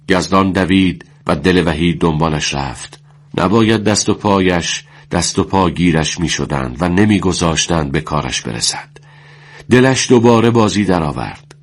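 A man reading a war story aloud in a solemn, measured way. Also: deep voice. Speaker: narrator.

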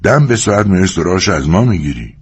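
A man voicing a calm, authoritative lead ranch hand who gives steady orders. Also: low-pitched, slightly rough, muffled recording, exaggerated voice. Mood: firm.

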